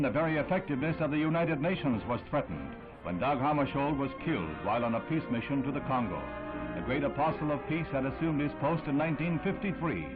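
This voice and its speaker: Old newsreel guy narrating, kinda high voice, tinny old newsreel audio with loud music under it. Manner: solemn, emphatic delivery. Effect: old newsreel sound.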